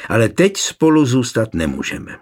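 A man with a husky voice voicing a proud nobleman coldly telling his wife he is leaving, in an audiobook. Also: medium pitch, huge pitch swings. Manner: cold, measured.

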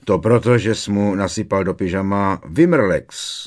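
A man voicing a jovial, chatty teenage prankster in an audiobook reading. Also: low-pitched. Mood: jaunty.

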